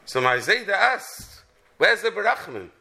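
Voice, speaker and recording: A male rabbi with a Yiddish-inflected British accent delivers a storytelling sermon. His voice sits high for a man and is very sharp and forceful. He speaks emphatically, repeats key phrases and slips between English and Yiddish. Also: very animated, measured pace, creaky.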